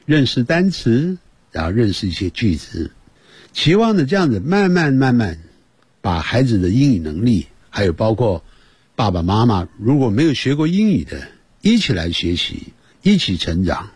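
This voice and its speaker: A man teaching a slow beginner language lesson for children and parents, repeating words many times. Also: medium pitch, big pitch swings, a little mellow, slightly rough, no echo. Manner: slow, drawn-out demonstration with many repetitions. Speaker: English teacher.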